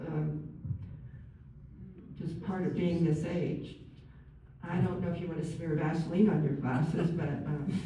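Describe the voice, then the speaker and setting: A woman working as a nurse and counsellor, giving a chatty, gentle talk to a group and acting out example phrases. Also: lowish voice, a little hiss or hum. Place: large room with an audience. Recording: very echoey room, far from mic.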